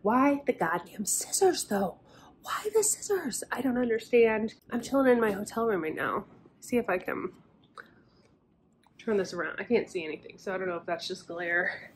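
A book vlogger in her thirties chats casually about a book to a handheld phone camera held at arm's length, moving between a hotel room and a car indoors. Her mid-range voice has lively intonation at a normal speed, and she's frank and talkative, swearing now and then. A little hiss or hum runs under the audio.

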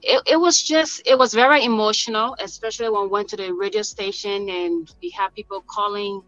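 A woman's voice: mid-range voice, steady tone, a little fast, a bit bright. A woman from Liberia, a nurse volunteer, earnestly recalling her return home in a video call interview. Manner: earnest, emotional recollection. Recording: dull lo-fi call audio.

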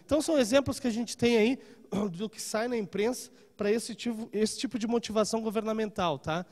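A man's voice: high voice, brisk, a little mellow, in a large hall. A man in his thirties giving a live seminar talk in a large conference room through a handheld microphone, checking in with the audience often. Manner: conversational, frequent "tá?" and "né?" check-ins. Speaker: trade seminar speaker.

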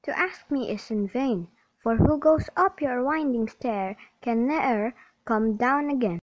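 A woman doing a high, prim little fly. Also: expressive, measured pace, no room sound, rough recording. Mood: wary. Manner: prim, refusing politely. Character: small wary female fly, polite and prim.

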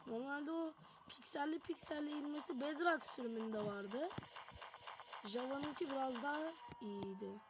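A woman's voice: sits high, unhurried, noisy background. A woman giving chatty commentary on a game as she plays, talking straight to her viewers. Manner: chatty, talks to viewers while playing. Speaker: gameplay narrator. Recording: music playing behind.

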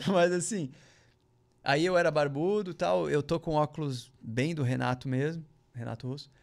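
A man with a fairly high, gravelly voice tells a long story as a podcast guest. He speaks in casual chat full of slangy asides. He raises his voice to act out what other people said. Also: normal speed.

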